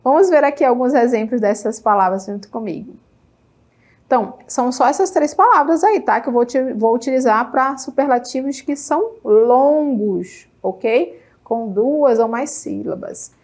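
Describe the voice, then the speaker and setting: Middle-aged Brazilian woman, English teacher, Brazilian Portuguese accent, slightly high voice, encouraging, slow and clear on example words. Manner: lively and encouraging, checks in with "tá?" and "ok?"; says English words slowly and clearly for students to follow. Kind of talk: televised classroom lesson.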